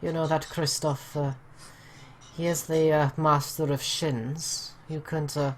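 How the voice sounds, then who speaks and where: A man voicing a tall, aloof Welsh woman who names a high price for favours, speaking in a put-on Welsh accent with halting pauses. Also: flat delivery, slight background noise, lightly acted. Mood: sly. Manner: measured, halting, with many "uh" pauses.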